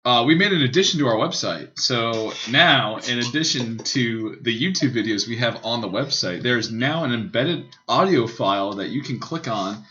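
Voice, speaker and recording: A man's voice: medium pitch, lively intonation, normal speed, few pauses, bright, forceful tone. A young man hosting a casual podcast chat with friends, joking and laughing often. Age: young adult. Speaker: podcast host and producer. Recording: dull lo-fi recording with faint hiss.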